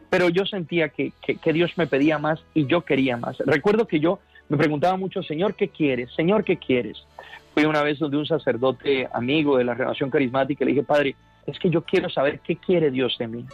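A man's voice: mid-range voice, breathy edge, phone-quality sound. A man with a Colombian accent, a priest giving a fervent, earnest personal testimony in a radio interview, often restarting his phrases.

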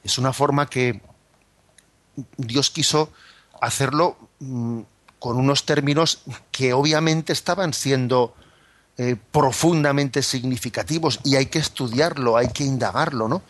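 A man teaching a lesson on scripture in a reflective, searching way, often checking in with his listeners. His voice sits at an ordinary middle pitch. The recording is dry and close, with no room sound. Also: a little slow, no echo. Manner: thoughtful, many tag questions and fillers. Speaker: catechism teacher. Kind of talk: explanatory religious teaching.

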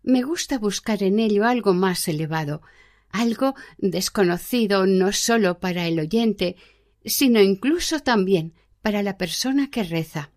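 Woman reading a gentle old monk teaching, slow and measured, like a read-aloud book. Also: medium pitch, expressive, natural voice.

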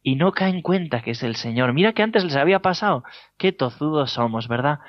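Spanish priest preaching, jokey storyteller, kinda muffled dry recording. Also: male voice, mid-range voice, dry recording. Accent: Spain Spanish. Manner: humorous storytelling with chuckles. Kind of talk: sermon. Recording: dull lo-fi dry sound.

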